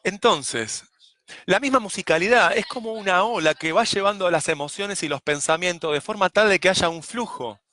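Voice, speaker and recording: A man gives a poetry lesson in a measured, explanatory way. He now and then beats out rhythms in sung syllables. His voice sits a little high, bright and forward, recorded dry and close. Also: no room sound. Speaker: poetry teacher.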